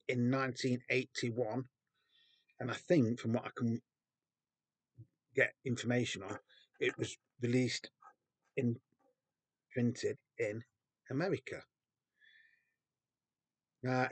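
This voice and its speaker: A man's voice: mid-range voice, darkish tone, no room sound. Chatty man, dry close sound. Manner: chatty, rambling, with frequent ums and restarts. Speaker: record collector. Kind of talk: casual show-and-tell.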